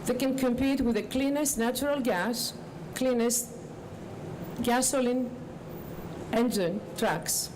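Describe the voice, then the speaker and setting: A woman giving an informal public speech as a guest official, in deliberate, halting short phrases. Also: a little high. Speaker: government agency director, guest speaker. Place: outdoors on a public street. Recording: outdoor street with loud traffic noise. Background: clear traffic noise.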